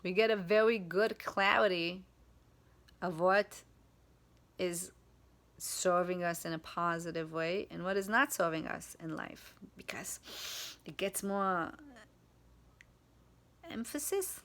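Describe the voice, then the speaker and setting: A woman whose first language is Hebrew speaks in a casual spiritual vlog. She talks slowly, with a bright, clear tone. She often pauses, adds fillers and restarts while she searches for the right English word. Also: fairly low pitch. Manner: slow, searching for words, many fillers and restarts. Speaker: vlogger.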